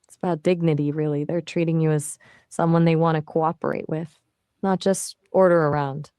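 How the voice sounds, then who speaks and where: A synthetic woman's voice of an AI assistant, answering questions in a relaxed, chatty way with casual fillers. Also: sits low, normal speed, smooth, dry recording, clean studio sound.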